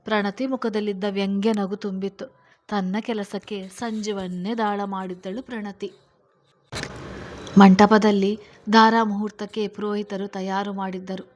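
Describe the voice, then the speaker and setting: A woman's voice: mid-range voice, level tone, unhurried, darkish tone. A woman steadily narrating a serialized novel as the channel's storyteller.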